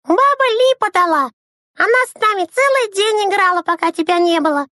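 A woman reading a storybook and voicing a giddy, stubborn little girl in a squeaky, shrill child voice. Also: expressive, brisk, no echo, clean studio sound, exaggerated voice. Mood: chirpy. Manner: shouty, bouncy, defiant.

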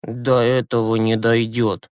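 A man reading an audiobook, voicing a timid, gentle young boy who speaks softly and hesitantly. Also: mid-range voice, steady tone, unhurried, no room sound, studio quality, natural voice. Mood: pleading. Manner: hesitant, soft.

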